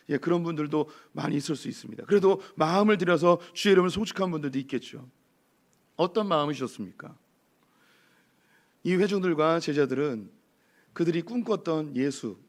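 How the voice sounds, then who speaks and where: Male pastor, hoarse, slightly raised pitch, lively sermon delivery full of rhetorical questions to the church. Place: church sanctuary.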